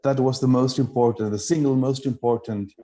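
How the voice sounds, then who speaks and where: A man from Chile who teaches cooking, answering questions over a video call in a measured, thoughtful way with frequent fillers. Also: mid-range voice, steady tone, mellow, a little hiss or hum. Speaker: culinary instructor. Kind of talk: online meetup interview.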